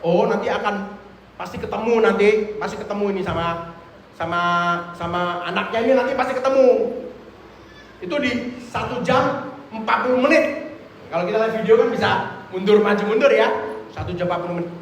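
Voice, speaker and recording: A man delivers a sermon in a strikingly high voice, moving between quiet explanation and sudden loud bursts as he acts out a story. The sound is roomy and echoey, with faint ambience behind him. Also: fairly quick, long pauses, a little hiss or hum. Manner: animated storytelling with acted-out quotes and sudden loud outbursts. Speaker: preacher.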